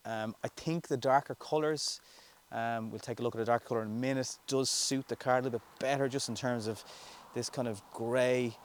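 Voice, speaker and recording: A man giving a relaxed, rambling car review with lots of fillers and restarts, first outdoors and then from inside a moving car. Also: medium pitch, fairly quick. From Ireland. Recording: noisy background.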